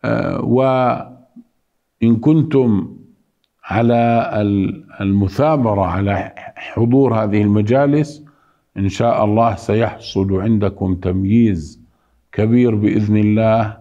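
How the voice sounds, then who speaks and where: A man teaching Quran recitation rules, patiently repeating single sounds and words slowly so students can hear the difference, with chanted examples in between. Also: fairly low pitch, steady tone, dark tone, lo-fi sound. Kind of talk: tajweed lesson with recited examples.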